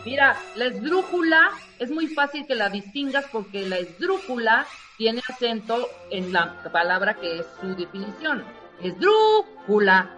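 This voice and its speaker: A woman's voice: on the high side, bright, forceful tone. A woman co-hosting a casual chat, offering simple helpful tricks.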